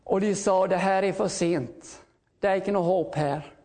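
A man's voice: high-pitched, fairly even intonation, darkish tone. A man preaching a fervent revival sermon, often crying out hallelujah and building to urgent calls.

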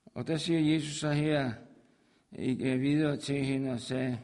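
A man with a medium-pitched, steady voice preaches a sermon to his congregation. He repeats phrases for emphasis, moving between soft, quiet passages and loud, forceful peaks.

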